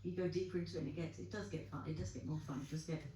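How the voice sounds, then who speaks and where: A woman with a low, mellow voice gives halting, encouraging remarks to writers. Her talk is dotted with ums, in an echoey room with faint background noise. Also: steady tone. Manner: hesitant, warm, full of ums. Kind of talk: closing remarks. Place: festival venue.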